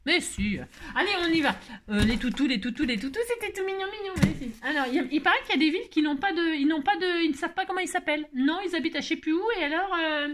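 A woman's voice: high-pitched, fast, hardly any pauses, fairly bright tone, a little hiss or hum. A woman, hosting a scrapbooking vlog, talking in a playful, rambling way, full of fillers and teasing asides. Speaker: scrapbooking channel host. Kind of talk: chatty mail-opening vlog.

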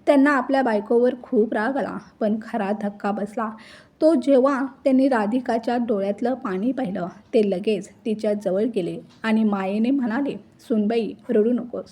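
A woman reads an emotional family story aloud with measured, heartfelt narration. Her voice is slightly high, soft and breathy, with a mellow tone.

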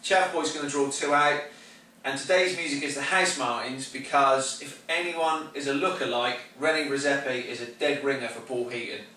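A man's voice: medium pitch, fairly even intonation, moderate pace, bright, forceful tone, a little hiss or hum. Man announcing a draw from far off. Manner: upbeat, calling out numbers and names. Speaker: website host running a prize draw. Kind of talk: casual announcing. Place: small office, indoors. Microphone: far camera. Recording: echoey office from far off with music. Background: pop music playing.

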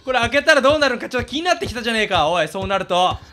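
A man commentating a horror game, excitable, talking to himself, often shouting and laughing. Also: very high-pitched, rapid-fire, a little hiss or hum.

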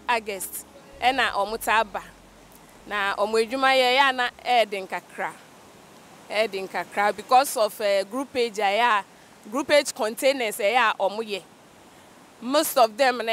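A woman's voice: a little high, fairly bright tone. A middle-aged Ghanaian woman with a Ghanaian accent, answering interview questions and mixing English with Twi. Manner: speaks unhurriedly, mixes English with Twi. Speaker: clearing agent guest. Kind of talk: casual interview. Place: outdoors on a beach by the sea. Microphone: handheld mic held by interviewer. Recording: faint outdoor noise.

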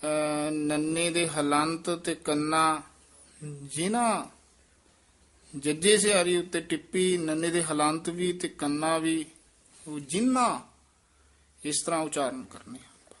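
Slow, patient man teaching scripture recitation. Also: on the high side, steady tone, fairly bright tone. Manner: patient, methodical, explains pauses and spelling. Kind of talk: correcting pronunciation of scripture reading.

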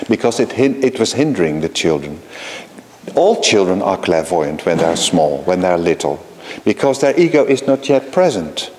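Male keynote lecturer, mid-range voice, halting and self-correcting delivery, recorded live in a hall with long reverb. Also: medium pitch, darkish tone. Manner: halting, with frequent restarts and repeated words; explains patiently, checks in with the audience. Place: conference hall.

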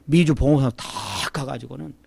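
A middle-aged man, a pastor, telling a testimony sermon in an animated storytelling way, acting out the voices of the people in his story. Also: mid-range voice, fast, creaky, a little hiss or hum.

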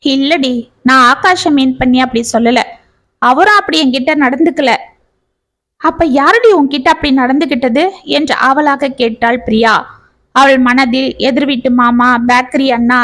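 High-voiced woman reading a family story. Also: moderate pace, a bit bright.

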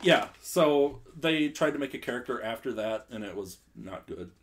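A man's voice: medium pitch, lively intonation, normal speed, a little hiss or hum. A young man hosting a casual podcast quiz game, laughing often and filling gaps with "um". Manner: laughs often, filler-heavy. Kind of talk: casual chat.

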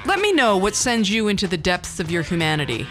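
With music in the background, a podcast host in her fifties recounts personal stories in a mid-range voice that swings widely in pitch. Her pace is brisk and her conversational style is candid, wry and self-deprecating.

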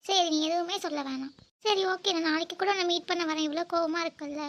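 A woman's voice: extremely high pitch, steady tone, quick pace, fairly bright tone. A woman voicing an earnest young woman student in love, who narrates her own story and pleads emotionally in a cartoon. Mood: defensive. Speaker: narrator and lead character. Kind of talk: cartoon voice acting.

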